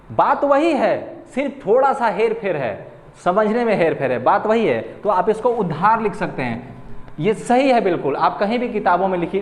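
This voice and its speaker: Guy teaching at a board, high voice that jumps around, echoey room w long reverb. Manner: slow, repetitive, spells out syllables. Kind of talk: board lesson on grammar.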